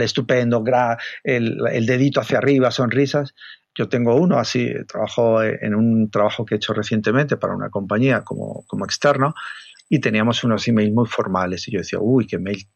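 Man, Spain Spanish accent, interview guest, animated, acts out voices, dull muffled recording, dry sound. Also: medium pitch, vocal fry, no echo. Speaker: communication trainer, guest. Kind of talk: explanatory interview talk.

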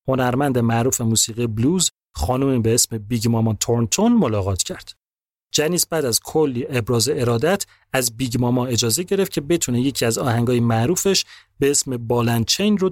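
A man narrating a podcast story in a casual, lively, colloquial way. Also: medium pitch, no echo, studio quality.

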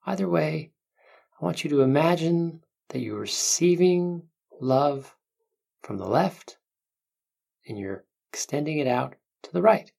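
A meditation guide speaking gently and unhurriedly, with long pauses between soothing instructions. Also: medium pitch, animated, gravelly. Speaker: meditation guide, podcast host.

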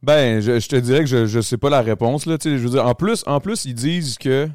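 Fast-talking Québécois podcast host. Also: male voice, medium pitch, a little mellow, dry recording, clean studio sound. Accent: Québécois French. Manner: joking, swears casually. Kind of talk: casual podcast chat. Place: basement podcast room.

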